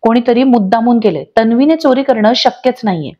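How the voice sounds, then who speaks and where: A woman's voice: a little high, animated, brisk, highs cut off. A woman reading the lines of a young man who defends his wife. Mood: indignant.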